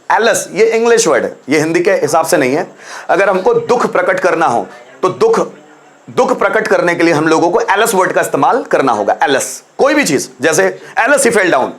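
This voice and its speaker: A young man with a Hindi accent and a high voice teaches English in a live online class. He coaxes his students along and repeats examples slowly.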